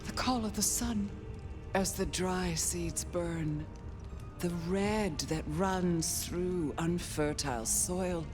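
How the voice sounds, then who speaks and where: An actress playing a haughty, eccentric ancient vampire in a video game, languid and condescending, given to dreamy reverie. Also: female voice, lowish voice, sing-song, takes it slowly, over music. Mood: entranced, dreamy. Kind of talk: dramatic video game acting.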